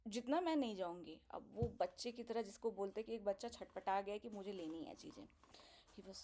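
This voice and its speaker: हिंदी-अंग्रेज़ी मिलाकर कहानी सुनाती महिला. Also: female voice, medium pitch, brisk, warm tone, slight background noise. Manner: mixes Hindi and English, acts out quoted dialogue. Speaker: spiritual teacher and video host. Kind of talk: casual storytelling.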